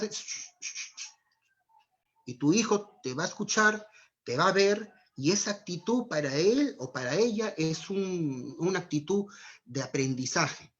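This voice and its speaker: Man, Peruvian Spanish accent, earnest parenting lecture, rhetorical questions, dull lo-fi video call audio. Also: sits high. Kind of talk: virtual parenting talk. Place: home during lockdown.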